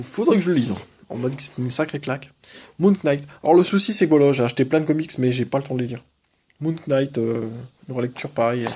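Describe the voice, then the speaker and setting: A man's voice: mid-range voice, a little mellow, a little hiss or hum. A young man casually reviewing his comics collection, enthusiastic, with frequent hesitations and fillers.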